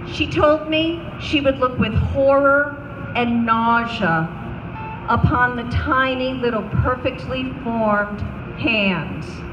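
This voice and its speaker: A woman delivering a prepared memorial speech as a public speaker, telling accounts in a solemn, deliberate manner, recorded in a roomy space. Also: a little high, lo-fi sound. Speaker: public speaker, anti-abortion counselor. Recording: roomy, distant mic, noisy ambience.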